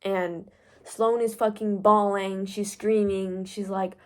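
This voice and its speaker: A woman's voice: medium pitch, flat delivery, slow pace, a little mellow. Profane young woman ranting. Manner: profane, filler-heavy storytelling. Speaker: book vlogger. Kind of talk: casual book rant.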